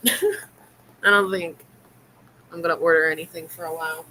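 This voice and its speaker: Her voice is deep and bright with a pushed quality, her intonation fairly even and her pace moderate. As a livestream host chatting late at night from a fish-tank-lit home room, she wanders and hesitates, filling gaps and letting thoughts trail off. The recording is low quality, with a little hiss or hum.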